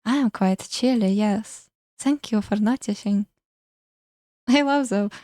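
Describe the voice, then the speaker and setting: A woman voicing a gloomy, melancholy female vampire ghost from a dating game, speaking in a slow, airy, eerie way. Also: medium pitch, dark tone, no echo, clean studio sound, natural voice. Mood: wistful. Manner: slow, solemn, philosophical. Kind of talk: reading a game character aloud.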